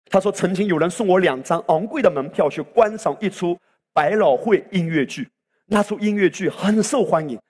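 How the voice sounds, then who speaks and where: A male pastor with a high, husky voice preaches a sermon in a church hall. His impassioned delivery builds into exclamations, and the recording carries the reverberant sound of the hall.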